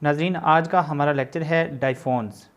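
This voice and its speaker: Man, shorthand instructor, slightly high voice, patient, repeats points, slow deliberate reading of definitions. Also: steady tone, fairly bright tone, dull audio. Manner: repeats and restates points for students. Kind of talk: explanatory lesson.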